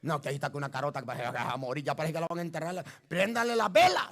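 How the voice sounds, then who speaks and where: A man preaching a fiery sermon to his church on a microphone, shouting and exhorting the congregation. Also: mid-range voice, rapid-fire. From Latin America. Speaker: pastor. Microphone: handheld microphone.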